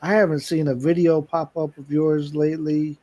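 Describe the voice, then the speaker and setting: A man co-hosting a casual live stream with his wife, chatting loosely, thanking viewers by name and filling pauses with "uh". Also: on the high side, level tone, highs cut off. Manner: chatty, shouts out viewers, many "uh" fillers.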